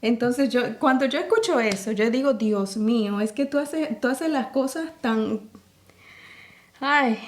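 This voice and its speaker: Salvadoran lady guest on a podcast, kinda high voice, earnest faith story, acts out who said what. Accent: Salvadoran Spanish. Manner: earnest, retells scenes with quoted dialogue. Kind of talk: personal faith testimony.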